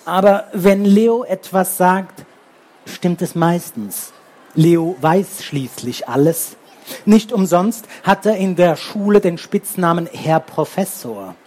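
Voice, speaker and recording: A man narrates a children's book in an easygoing, gently humorous manner. His voice sits a little high and has a slightly husky grain to it. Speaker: audiobook reader.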